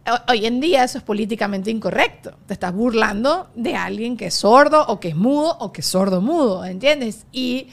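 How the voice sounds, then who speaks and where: Lively Venezuelan woman hosting a podcast. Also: fairly high pitch, vocal fry. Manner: lively, quick to laugh, fills with "o sea". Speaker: podcast host. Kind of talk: casual podcast chat.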